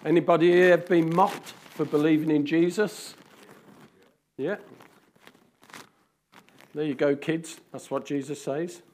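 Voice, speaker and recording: A man preaches an informal sermon, his voice sitting a little high for a man. He teases the congregation by name and swings between loud calls and hushed asides. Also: fairly even intonation, a little slow, long pauses. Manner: chatty, teasing the congregation by name. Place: church hall among a congregation.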